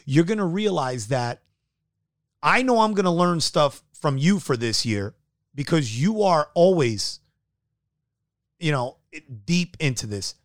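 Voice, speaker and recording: A man's voice: on the high side, lively intonation, slow pace, pauses often, dry recording, studio quality. A man hosting his own sports talk show, introducing it with energy and repeating words for emphasis. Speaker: podcast host.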